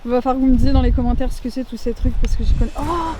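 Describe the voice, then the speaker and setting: A young woman chatting casually on a vlog while exploring abandoned places outdoors, excitable and exclamatory, with a handheld camera. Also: high voice, racing, very noisy. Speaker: urbex vlogger. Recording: clear background music.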